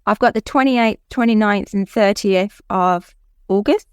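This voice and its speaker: Clear-voiced woman reading dates. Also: medium pitch, a little slow, no echo, studio quality. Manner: brief factual replies. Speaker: co-host looking up dates.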